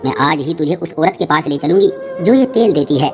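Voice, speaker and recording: A woman's voice: sits low, expressive, a little fast. Woman voicing a bossy older mother-in-law. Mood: insistent. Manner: scolding, domineering. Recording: music playing behind voice.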